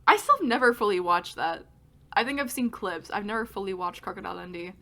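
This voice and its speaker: Bright-voiced woman podcaster from Florida. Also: mid-range voice, lively intonation, fast. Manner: loose, profane, laughing storyteller. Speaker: podcast co-host. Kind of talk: casual chat.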